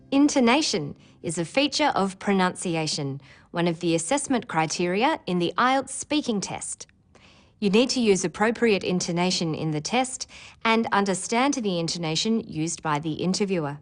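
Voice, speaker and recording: A woman presenting an English exam preparation lesson in clear, careful scripted narration. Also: on the low side, expressive, normal speed, soft background music. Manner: clear, careful delivery with demonstrated intonation.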